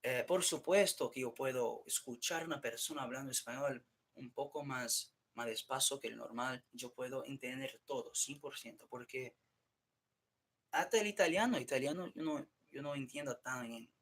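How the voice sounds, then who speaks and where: A man's voice: medium pitch, normal speed, fairly bright tone, husky. A man in a casual, rambling monologue, often swearing, restarting his sentences and switching between English and Spanish. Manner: profane, rambling, restarts and self-interrupts. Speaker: streamer talking to himself.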